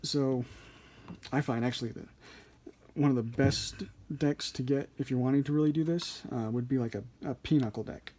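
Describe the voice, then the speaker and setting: A man with a mellow, relaxed voice of medium pitch walks through a hands-on demonstration. He speaks informally as an instructor, hesitating now and then as he thinks aloud. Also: normal speed, a little hiss or hum. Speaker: card trick instructor. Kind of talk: casual hands-on tutorial.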